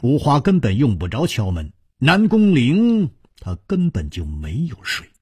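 Expressive, husky male storyteller. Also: medium pitch, measured pace, no room sound, clean studio sound. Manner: expressive, dramatic narration. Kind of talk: Chinese storytelling broadcast.

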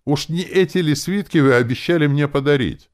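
A man's voice: on the low side, very animated, measured pace, voice pushed up. A man voicing a proud young woman who serves as a clan chronicler, in an audiobook reading. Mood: shrill.

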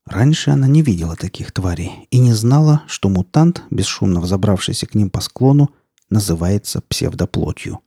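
A man reading an audiobook as narrator, in a tense, gritty storytelling manner with steady, measured delivery. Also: sits low, slightly rough, no room sound, clean studio sound.

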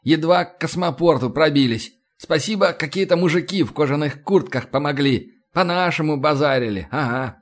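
A man putting on a gruff, folksy navy bosun. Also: on the high side, moderate pace, hardly any pauses, close to an everyday voice. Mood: sheepish. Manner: colloquial, rambling sailor talk.

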